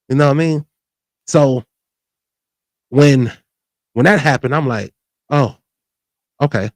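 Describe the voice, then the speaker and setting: On a dry recording, a forty-something man who hosts a show speaks with a medium pitch. His talk is frank, earnest, and personal, full of restarts and the phrase "you know what I mean."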